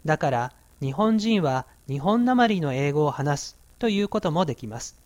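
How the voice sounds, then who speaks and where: A male narrator reads a lesson for language learners in a clear, measured voice. His pitch sits somewhat high and moves in a lively, animated way. The sound is dry and close, as from a studio. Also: no echo. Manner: clear, measured reading with explanatory questions to learners. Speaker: textbook audio narrator. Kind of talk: scripted educational narration.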